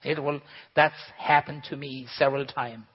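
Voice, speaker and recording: A man's voice: mid-range voice, level tone, moderate pace, breathy edge. A man teaching in an earnest, instructive manner and telling anecdotes, in a dull recording with long hall reverb. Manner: earnest, instructive, tells jokes. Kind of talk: lecture with anecdotes.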